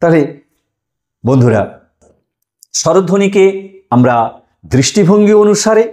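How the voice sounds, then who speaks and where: A man's voice: sits high, lively intonation, measured pace, darkish tone. A man teaching a lesson online, explaining step by step, drawing out sounds and asking listeners questions.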